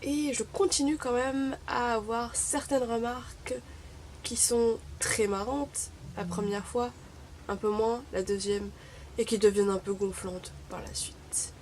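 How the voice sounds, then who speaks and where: Her voice sits fairly high, with fairly even intonation and a darkish tone, and she speaks a little slowly. She's a young Moroccan vlogger, Arabic-speaking by birth, chatting wryly to camera with many hesitations over a faint hiss or hum.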